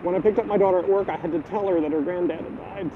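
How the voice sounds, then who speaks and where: A middle-aged man in a personal video diary, halting and repeating words, choked up with grief. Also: high voice, steady tone. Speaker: vlogger. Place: outdoors, filming the neighborhood. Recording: tinny phone-like audio, faint wind noise.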